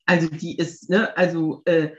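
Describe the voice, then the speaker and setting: A woman chatting casually, telling lively anecdotes with many fillers and asides. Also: low-pitched, unhurried, roomy sound, lo-fi sound. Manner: chatty, animated storytelling, frequent fillers. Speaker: podcast guest, dog owner. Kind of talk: casual conversation.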